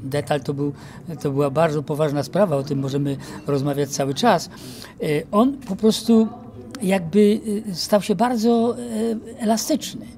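A man in his sixties, an actor, being interviewed in an outdoor courtyard into a handheld mic, reminiscing with many pauses and fillers. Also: a little high, steady tone, dark tone. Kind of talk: casual interview. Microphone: handheld mic held by interviewer.

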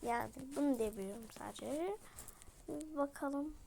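A woman's voice: high-pitched, normal speed, gravelly, darkish tone. A woman voicing a hesitant, evasive school principal who stalls with fillers in a toy role-play story.

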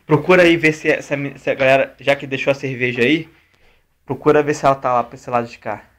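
A man's voice: medium pitch, fairly even intonation, fast talker, a bit bright. A young man with a Brazilian accent chatting casually as he urges others on in repeated, sweary bursts while moving furniture. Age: young adult. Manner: urging, repetitive exclamations, swearing. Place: small laundry room by an outdoor entrance. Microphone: handheld camera or phone. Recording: noisy handheld amateur video with clicks.

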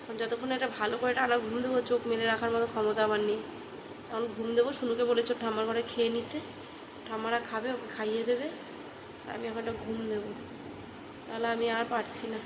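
A young woman vlogs at home while feverish and exhausted, and she sounds tired and subdued. Her voice sits a bit high but stays flat and level. The phone recording is noisy. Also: fairly quick. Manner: tired, low-key and subdued. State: feverish and worn out. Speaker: vlogger. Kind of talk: casual vlog narration. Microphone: phone camera.

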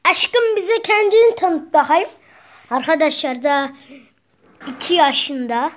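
A woman's voice: high voice, slow, slight background noise. A woman filming a casual home video, talking to viewers and cooing at her pet bird. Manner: keeps addressing viewers as friends, coos at the bird. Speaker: vlogger showing a pet parrot. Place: at home indoors.

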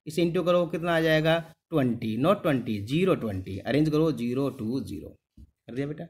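A middle-aged man teaches maths in a patient, repeating way, checking often that his students follow. His voice sits a little high and swings widely in pitch, rising and falling from phrase to phrase. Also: lively intonation, moderate pace, darkish tone. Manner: calls the students "beta", keeps asking "clear?"; patient, repeats each step. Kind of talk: classroom lesson.

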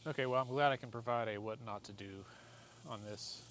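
In his forties, this American vlogger has a mid-range, fairly bright voice and talks a little fast, rambling and joking at his own expense as he works through a product installation. The casual how-to was filmed in a driveway and inside a parked car. Captured on a camera or phone mic an arm's length to a few feet off, the audio is noisy with clear ambient sound.

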